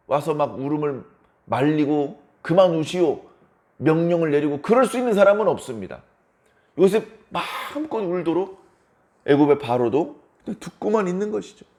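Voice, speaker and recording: A male pastor preaching a dawn service sermon, telling the story dramatically and acting out quoted lines with big rises and drops in pitch and loudness.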